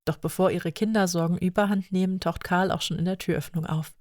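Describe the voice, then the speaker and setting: A woman narrating a story in a calm, measured reading voice. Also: lowish voice, no echo, studio quality.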